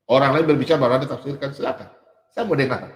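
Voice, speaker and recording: A middle-aged man from Sulawesi preaching a sermon, animated, switching between loud emphatic points and soft asides. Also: medium pitch, very fast. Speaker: pastor. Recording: echoey hall with long reverb.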